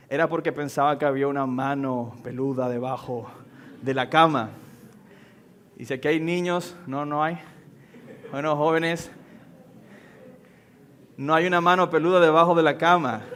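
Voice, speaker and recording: A man in his thirties, a pastor preaching a sermon in earnest, slowing down to stress key lines. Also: fairly high pitch, a bit bright. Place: church sanctuary.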